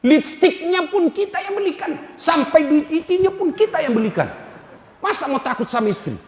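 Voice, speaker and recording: A male preacher giving a humorous sermon in an animated, teasing way, speaking directly to his audience in a large hall. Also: extremely high pitch, normal speed. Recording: echoey hall.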